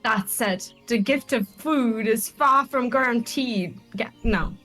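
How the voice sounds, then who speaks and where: A woman voicing a formal, poised stage performer in a video game, reading in a measured way. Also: on the high side, fairly bright tone, soft background music, low-quality recording.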